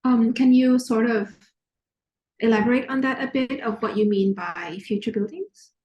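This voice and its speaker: A woman from Thailand, an architect who co-founded her firm, answering interview questions in a thoughtful way and often pausing to search for words. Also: a little high, dull audio.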